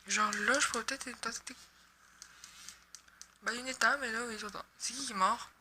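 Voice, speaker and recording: A young Québécoise woman commenting on her game in a high, very bright voice. She chats and jokes loosely, switching into quick swearing when a move fails. A faint hiss sits under her voice. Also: fairly even intonation. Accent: Québécois French. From Quebec. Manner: chatty, joking, swears when she misses. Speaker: gaming YouTuber. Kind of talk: casual gameplay commentary.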